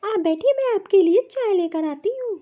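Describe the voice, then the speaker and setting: A woman's voice: very high voice, animated, normal speed, a little hiss or hum. A woman voicing a modern, touchy young daughter-in-law from the city in a cartoon story, talking in a curt, complaining way. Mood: polite. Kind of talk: cartoon voice acting. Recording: dull, dry lo-fi recording.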